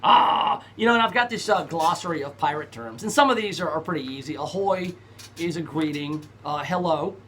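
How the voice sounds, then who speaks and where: A man's voice: fairly high pitch, a little fast, fairly bright tone, a little hiss or hum. A man hosting a talk radio show, chatting casually and reading news items aloud with lots of fillers. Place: radio studio.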